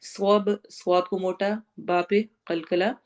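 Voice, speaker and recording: Slow, careful woman teaching Quran recitation. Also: on the low side, level tone, darkish tone. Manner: explains word by word, drawing out recited words slowly; mixes English words into Urdu. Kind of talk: Quran lesson with tajweed and translation.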